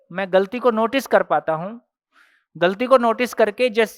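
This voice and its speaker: A man leads a workshop session in a casual, conversational teaching style. His voice is smooth and resonant, and he keeps pressing the audience with rhetorical questions as he walks through everyday examples. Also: high voice, fairly bright tone, in a large hall. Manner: explains step by step with everyday examples.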